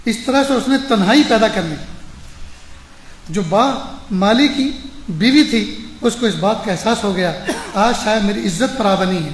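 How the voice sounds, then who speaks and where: A man's voice: high-pitched, pauses often, roomy sound, a little hiss or hum, rough recording. A man, a maulana, preaching a sermon through a moral story, emphatic and repeating phrases for stress. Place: mosque.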